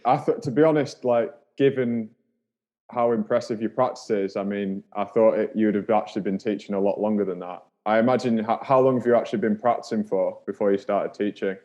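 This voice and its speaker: A man's voice: fairly low pitch, fairly even intonation, brisk, mellow, highs cut off. A man hosting a podcast, talking in a friendly, chatty way and laughing easily. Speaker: podcast host. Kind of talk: casual interview.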